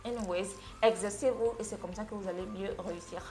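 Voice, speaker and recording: A woman's voice: medium pitch, steady tone, brisk, dark tone, soft background music. A woman, teaching names as an English coach in a video lesson, with a playful, teasing manner. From Côte d'Ivoire.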